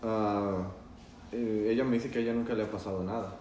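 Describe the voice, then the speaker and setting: A man chatting calmly on a podcast, thoughtful, with hesitant pauses. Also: lowish voice, slight background noise. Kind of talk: casual chat. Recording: roomy, from a distant mic.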